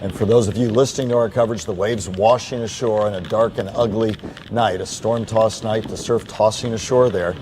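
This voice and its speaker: A man's voice: lowish voice, fairly even intonation, fairly quick. American male news anchor, faint background noise. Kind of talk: live breaking news anchoring.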